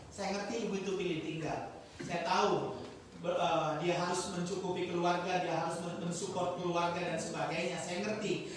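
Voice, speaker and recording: A male pastor delivering a sermon with stories, moving from quiet confiding to loud exhortation. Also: high-pitched, a little hiss or hum. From Indonesia. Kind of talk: sermon with storytelling. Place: church hall. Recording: echoey hall, picked up from a distance.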